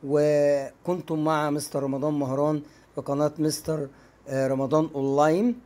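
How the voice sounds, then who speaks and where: A man with an Egyptian Arabic accent teaching English pronunciation in a video lesson, slowly repeating each word. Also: on the high side, steady tone, mellow. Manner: drills words slowly and repeats them. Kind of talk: YouTube language lesson.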